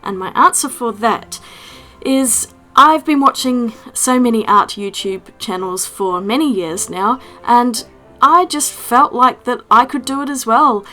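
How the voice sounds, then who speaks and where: A woman's voice: on the high side, lively intonation, unhurried, bright, forceful tone, faint music behind. A woman, chatting casually in a voice-over while she paints. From New Zealand. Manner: chatty, friendly and rambling. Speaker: watercolour artist and YouTuber.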